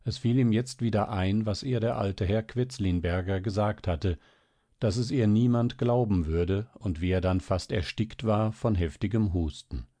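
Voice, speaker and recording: A man reading a classic story aloud as narrator, measured and even. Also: on the low side, no echo, studio quality. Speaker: audiobook narrator. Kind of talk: scripted narration.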